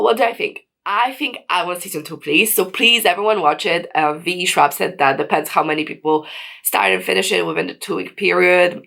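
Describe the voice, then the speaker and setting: A hoarse woman giving a casual review of a TV show, rambling and pleading with frequent restarts, a little short of breath. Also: fairly low pitch, a bit bright. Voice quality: gravelly, creaky. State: hoarse, croaky voice.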